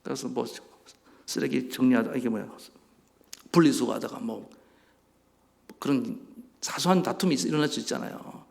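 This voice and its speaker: A man preaching a sermon as a pastor, animated, acting out voices and asking the congregation questions. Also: mid-range voice, moderate pace, vocal fry, pauses often. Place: church sanctuary. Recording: church hall reverb.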